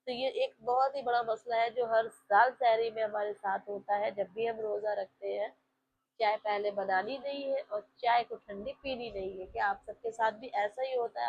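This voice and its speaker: A woman's voice: a little high, slightly rough. A woman, narrating her day in a casual, chatty vlog voice-over and talking to her viewers directly. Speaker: vlogger. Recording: slightly dull lo-fi with faint home ambience.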